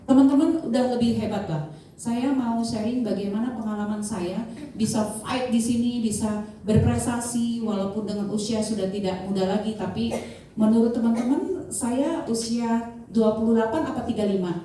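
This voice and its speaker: Picked up by a distant mic amid heavy echo, an insurance agent in her fifties delivers a motivational talk to an audience in a hall. She is chatty, full of fillers, and warms up the crowd with questions, speaking in a fairly high voice at normal speed with a little hiss or hum.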